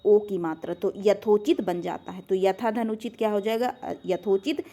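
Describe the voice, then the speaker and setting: A woman's voice: medium pitch, fairly even intonation, moderate pace, dark tone. A woman teaching a grammar lesson, reading quiz questions and repeating each answer back as a question to the viewer.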